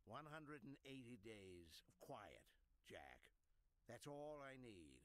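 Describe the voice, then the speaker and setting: A man voicing a smug, corrupt city mayor in a video game, delivering a villain's menacing monologue with oily pauses. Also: mid-range voice, sing-song, slight background noise. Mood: veiled threat. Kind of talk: scripted video game voice acting.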